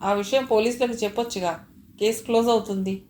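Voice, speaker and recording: A woman's voice: on the high side, fairly even intonation, fairly quick, a little mellow, a little hiss or hum, lightly acted. A woman reading aloud, voicing a confused man who pleads and defends himself, recorded with a roomy echo. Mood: pleading.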